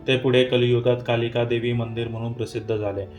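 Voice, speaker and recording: A man reading a devotional scripture chapter aloud in a steady recital, with small slips and fillers. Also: medium pitch, a little fast, soft background music. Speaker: reader of scripture.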